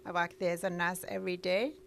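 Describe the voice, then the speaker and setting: A woman's voice: fairly low pitch, level tone, quick pace, gravelly, a bit bright, slight background noise. A middle-aged woman with a Kenyan accent, telling her life story as an interview guest in an earnest way. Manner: earnest storytelling, with frequent uhs.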